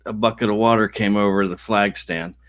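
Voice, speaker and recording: A man with a lowish voice trades casual banter as a racetrack co-host, dropping short teasing remarks. His sound is close and dry, with no room around it. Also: steady tone, brisk, no room sound. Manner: brief dry interjections, teasing. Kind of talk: casual chat.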